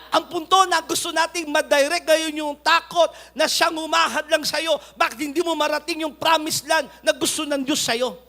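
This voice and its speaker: A man preaching a sermon, swinging between loud urging and quiet asides. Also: extremely high pitch. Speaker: pastor.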